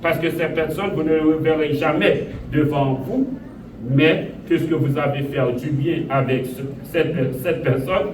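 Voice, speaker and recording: Pastor, man from Haiti, slow repetitive preaching, echoey and off-mic. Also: fairly high pitch. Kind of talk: sermon. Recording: echoey room, voice from a distance, audible noise.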